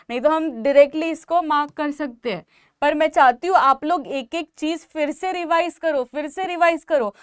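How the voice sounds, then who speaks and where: A young woman with an Indian accent lectures on biology in a high voice, recorded on a dry close mic. She talks emphatically, repeating key terms and pushing her students to work hard. It sounds like a classroom exam-prep lesson. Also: dry recording. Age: young adult. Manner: emphatic, repetitive, motivational, calls out loudly to students. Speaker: biology teacher. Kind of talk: exam-prep lecture in Hindi mixed with English.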